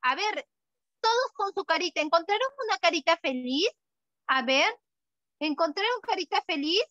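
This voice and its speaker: High sing-song preschool teacher. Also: female voice, expressive, normal speed, a bit bright, no echo, highs cut off. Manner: sing-song, exaggerated, affectionate teacher talk. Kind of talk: online class for small children.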